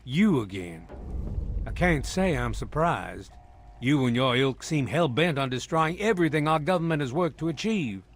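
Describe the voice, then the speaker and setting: A man playing a stern, proud military villain officer in a video game, speaking in a formal, deliberate, haughty way. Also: fairly high pitch, animated, slight background noise. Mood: menacing. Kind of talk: dramatic video game dialogue.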